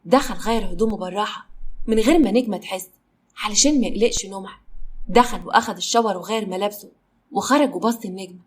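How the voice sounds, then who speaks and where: A woman with an Egyptian accent narrating a story in a lively way. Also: mid-range voice, quick pace, a little hiss or hum.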